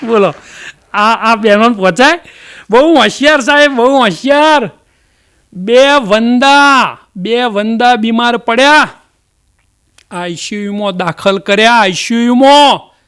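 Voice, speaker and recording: Male stand-up comic with a Mehsana Gujarati accent, high and smooth voice, folksy and chatty. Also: unhurried, a bit bright, a faint crowd. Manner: folksy, chatty storytelling with dialect fillers. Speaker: comedian. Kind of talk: stand-up jokes.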